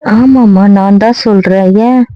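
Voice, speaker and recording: A young woman pleads and coaxes in a mid-pitched voice, repeating her words. The audio is dull and lo-fi with a dry, close sound. She plays the wife in a comic skit. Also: unhurried, smooth, dry recording. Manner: pleading, coaxing, repeats herself.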